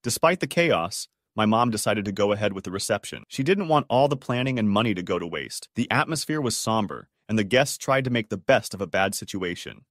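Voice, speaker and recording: A man narrating stories with lively pitch. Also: a little fast, few pauses, dry recording, clean studio sound. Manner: dramatic storytelling. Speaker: storyteller. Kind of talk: scripted story narration.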